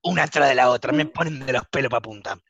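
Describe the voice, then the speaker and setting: A man's voice: mid-range voice, fast talker, fairly bright tone, muffled recording, voice pushed down. A man with a Rioplatense Spanish accent playing a strict, pompous university professor in a comic skit, bossy and exasperated. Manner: bossy, exasperated, mock-authoritative. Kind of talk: comic role-play.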